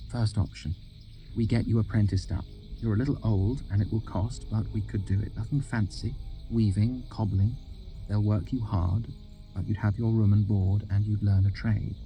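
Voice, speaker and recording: Man doing a sharp-tongued young woman, blunt and matter-of-fact, raised above his deep voice, audiobook read. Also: steady tone, moderate pace, soft background music, lightly acted.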